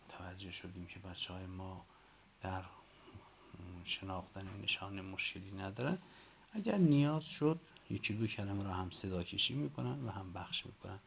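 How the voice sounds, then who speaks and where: A man with a lowish, gravelly voice giving an instructional talk to teachers. He is patient and methodical, sounding out letters one by one and repeating lists of sounds. A faint hum of room noise sits behind him. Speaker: teacher trainer.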